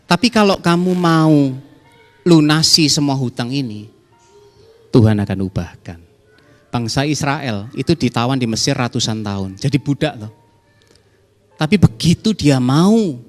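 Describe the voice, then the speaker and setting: A man preaching a sermon to his congregation in a conversational way, acting out quoted callers in a raised voice. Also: mid-range voice. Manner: conversational, addresses the congregation directly. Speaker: pastor. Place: church hall. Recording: reverberant church hall with soft music.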